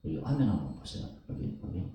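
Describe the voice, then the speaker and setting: A man's voice: deep voice, sing-song, quick pace, warm tone, a little hiss or hum. A man preaching a sermon as pastor, emphatic, repeating phrases for stress, in a very echoey church sanctuary away from the mic. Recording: very echoey hall, mic at a distance.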